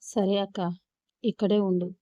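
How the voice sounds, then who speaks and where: A woman's voice: mid-range voice, flat delivery, measured pace, warm tone, dry recording, close to an everyday voice. A woman playing a protesting young brother. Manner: protesting, earnest.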